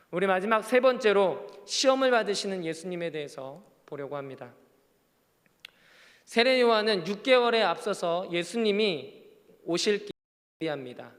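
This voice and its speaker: A man's voice: high-pitched, a bit bright, long reverb tail. A male pastor preaching a sermon in an earnest style, with rising and falling emphasis. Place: church sanctuary.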